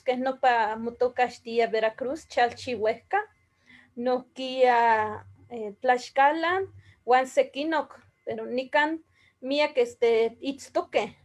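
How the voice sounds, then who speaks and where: Woman teacher, high voice, unhurried, breaks words into single sounds for the class. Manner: slow, deliberate, spelling out sounds one by one. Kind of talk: explaining a writing system.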